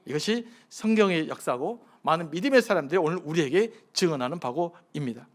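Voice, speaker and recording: A man with a high voice preaches to his congregation in an easy, conversational way. He asks them question after question. When he acts out a prayer, his voice drops to a soft, pleading hush. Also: animated, fairly quick. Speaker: pastor. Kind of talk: sermon at a midweek prayer service.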